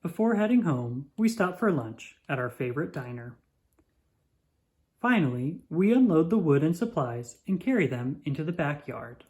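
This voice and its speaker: In a measured, expressive storytelling manner, a narrator with a mid-range voice reads aloud from a children's picture book.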